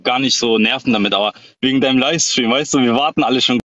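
A man's voice: mid-range voice, fast, bright, forceful tone, dull audio, a little hiss or hum. A man calling in, polite and devout in a friendly chat. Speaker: caller.

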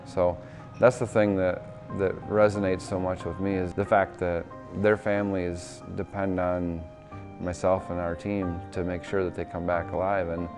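A man's voice: deep voice, little pitch movement, moderate pace, music in the background. A man leading a safety team, speaking earnestly and plainly in a documentary interview.

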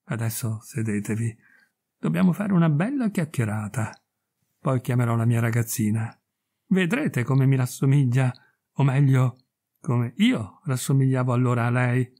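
A man reading a story aloud, voicing an aging woman who speaks gently and tenderly, with hesitant pauses. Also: mid-range voice, close to an everyday voice. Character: aging woman, tender, wistful, once a beloved girl.

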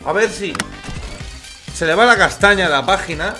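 Young Spanish male host, higher pitch, restless rambling delivery with constant cursing. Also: normal speed, sharp tone, soft background music. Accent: Spain Spanish. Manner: rambling, restless, swears a lot. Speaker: YouTuber host. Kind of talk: casual chat to camera.

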